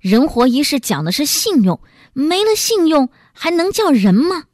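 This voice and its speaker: A woman voicing an older female innkeeper who talks in an indignant, firm way, with an animated, lively pitch. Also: fairly quick, no echo, studio quality, lightly acted.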